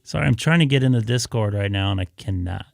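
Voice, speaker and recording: Casual male streamer with gravelly creak. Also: fairly low pitch, animated, fast talker, no room sound. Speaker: live stream host. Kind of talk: casual live stream chat.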